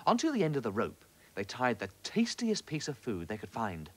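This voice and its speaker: Reading a children's story aloud, this man is expressive and animated, with a mid-range voice and a moderate pace.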